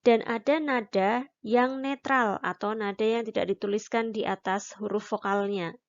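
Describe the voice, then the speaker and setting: A woman's voice: fairly high pitch, steady tone, normal speed, muffled recording. A woman teaching a language lesson, patiently explaining and demonstrating each syllable aloud. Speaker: Mandarin teacher. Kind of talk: recorded online lesson.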